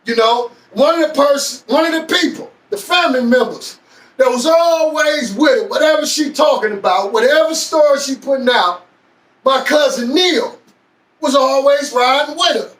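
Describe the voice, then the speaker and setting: A man telling a personal story in a slow, deliberate way with long pauses. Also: very high-pitched, fairly bright tone. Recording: echoey room, far from mic.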